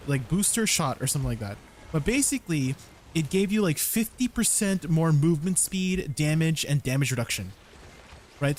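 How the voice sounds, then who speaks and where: A man's voice: on the high side, a little mellow, slight background noise. A man live streaming, chatting casually with viewers, telling stories and reading their comments aloud.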